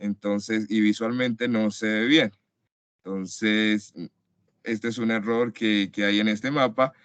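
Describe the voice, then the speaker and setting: Patient teacher, low voice. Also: male voice, fairly even intonation, slow pace, fairly bright tone, smooth, no echo. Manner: patient, explanatory, many "entonces" and restarts. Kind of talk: online class lecture. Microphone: computer mic in a web conference. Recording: dry, slightly dull web-conference audio.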